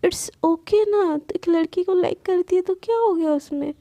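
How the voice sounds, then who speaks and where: A woman voicing a young male best friend who talks calmly, teasing and reassuring. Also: extremely high pitch, normal speed, no echo, pitched above the performer's own voice.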